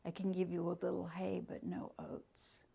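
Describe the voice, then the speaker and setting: A woman's voice: monotone, normal speed, creaky, warm tone, slightly rough, exaggerated voice. A woman voicing a hard-up man who drives a horse carriage, by turns barking and weary. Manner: barking orders, then tired and low. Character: struggling male carriage driver, stern then weary.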